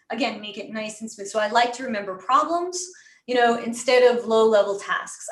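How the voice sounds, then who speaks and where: A woman's voice: fairly high pitch, fairly bright tone, echoey room. An American woman coaching a live online class, encouraging and chatty, full of "you know" fillers. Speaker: voice and presentation coach.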